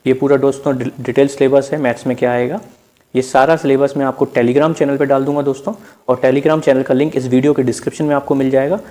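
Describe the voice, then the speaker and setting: Narrating over slides, an exam preparation presenter with an Indian accent gives a casual instructional explainer, addressing listeners as friends and slipping in English terms. His medium-pitched voice is warm, moves quickly, and shows little pitch variation.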